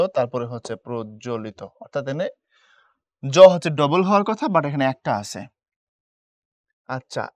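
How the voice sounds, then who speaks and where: A man's voice: a little high, no echo. A man teaching a Bengali grammar lesson with a Bangladeshi accent. He explains step by step, often checks whether the students follow, and mixes in English words. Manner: explains step by step, asks "বুঝছো?". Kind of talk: admission test coaching lesson.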